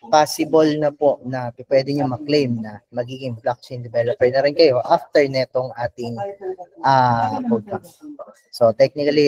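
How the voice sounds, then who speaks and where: A man's voice: mid-range voice, poor audio. A man with a Filipino accent presenting a tech workshop to a live audience, explaining step by step with frequent fillers and "no?" check-ins. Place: event venue with live audience.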